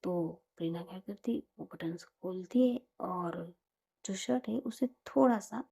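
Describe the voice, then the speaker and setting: A woman casually retelling a romance story in a relaxed, conversational way, often dropping into whispers. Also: mid-range voice, measured pace, gravelly, husky.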